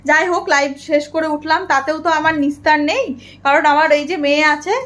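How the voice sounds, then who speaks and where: A woman in her thirties talks straight to her viewers in a casual vlog. Her voice sits high, and she shifts easily between a hushed, polite tone and a louder, more animated way of speaking. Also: normal speed. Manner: chatty, switches between soft and loud. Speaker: vlogger. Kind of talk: casual chat to camera.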